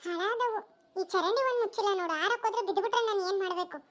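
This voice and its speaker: A nosy village busybody, voiced by a woman, who mutters and schemes in a high, quick voice. Cartoon voice acting.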